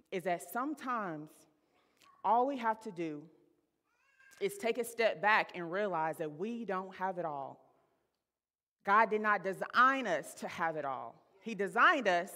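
With a mid-range, fairly bright voice, a thirtysomething woman preaches to her congregation from the stage, telling a personal story chattily with laughter and plenty of y'all. The recording carries a reverberant sanctuary sound.

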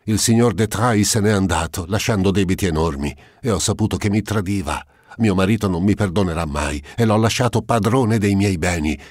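A man's voice: sits low, a little fast, darkish tone, dry recording, clean studio sound, voice pushed up. A man voicing a desperate noblewoman pleading at her dying father's bedside in an audiobook. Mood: anguished pleading. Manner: pleading, sobbing outbursts. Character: desperate grieving noblewoman, young daughter.

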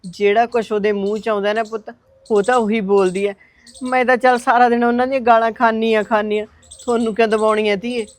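A woman's voice: fairly high pitch, flat delivery, fast, close to an everyday voice. A woman playing a frail old mother-in-law who pleads and complains in a sighing voice in an amateur short film. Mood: grateful.

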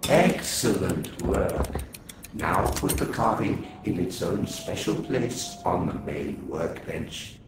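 An actor voicing an old, patient, solemn mask-maker mentor in a video game, giving measured instruction. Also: male voice, low-pitched, animated. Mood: instructive. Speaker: game tutorial guide. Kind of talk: theatrical game narration. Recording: echoing, with game music behind.

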